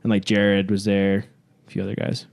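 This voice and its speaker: A man's voice: on the low side, completely flat delivery, normal speed, creaky, darkish tone, dry recording. A man, co-hosting a casual podcast chat, rambling and full of "like". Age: 20s. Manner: rambling, heavy use of "like", laughs easily. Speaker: podcast co-host.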